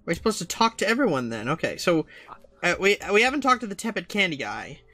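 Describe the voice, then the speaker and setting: A man's voice: sits high, very animated, fast, pushed and bright, no room sound. A man hosting a gaming show, chatting casually and reading game text aloud.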